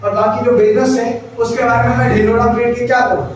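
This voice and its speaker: A man's voice: very high-pitched, level tone, brisk, background noise. A man telling a motivational story in a loose, chatty way, often quizzing his listeners. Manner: chatty, keeps asking the listener questions. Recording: very echoey room, far from mic.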